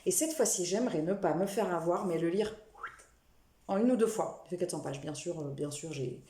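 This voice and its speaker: A woman's voice: fairly low pitch, moderate pace, warm tone, echoey room. A young adult woman chatting casually about her books to camera, self-mocking and full of restarts. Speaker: book vlogger.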